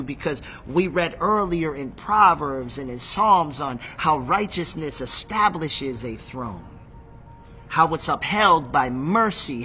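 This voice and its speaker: A man teaching from the Bible in an excitable, emphatic way, repeating phrases and reading scripture aloud while seated. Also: on the high side, slight background noise. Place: seated in a chair.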